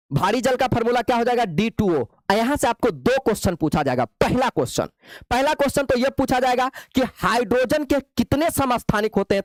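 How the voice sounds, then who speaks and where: A man's voice: very high voice, no room sound. A male chemistry teacher, lecturing playfully and coaxing his students with repeated questions. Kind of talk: classroom lecture.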